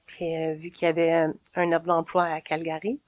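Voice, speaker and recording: A woman in her forties from Quebec with a Québécois accent, telling her story as a podcast guest in a relaxed, hesitant way. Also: low voice, normal speed, dry recording. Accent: Québécois French. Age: 40s. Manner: relaxed, hesitant with frequent "euh". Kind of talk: casual storytelling.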